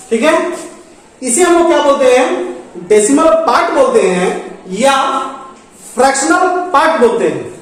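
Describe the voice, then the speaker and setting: High pitched guy teaching math, bihari hindi accent, keeps asking then answering, super echoey classroom. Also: slight background noise. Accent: Bihari Hindi mixed with English number words. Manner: repeats questions and answers them himself, calls the class "my dear children". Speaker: school teacher.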